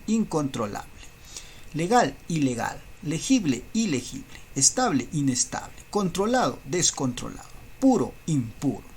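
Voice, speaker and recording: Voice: mid-range voice, a little hiss or hum. A teacher giving a recorded school lesson, explaining step by step and checking in with rhetorical tag questions.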